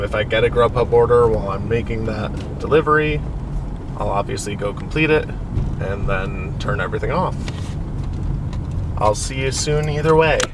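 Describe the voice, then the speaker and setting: Casual male vlogger, noisy car background. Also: on the low side. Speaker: food delivery driver vlogger. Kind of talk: casual vlog update to viewers. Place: in and around a car, between deliveries. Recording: clear car and street noise.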